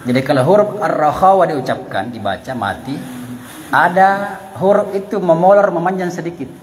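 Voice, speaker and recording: A man's voice: a little high, normal speed, a crowd in the background, rough recording. A man with an Indonesian accent teaching a Quran recitation class, explaining patiently and sounding out letters aloud as examples.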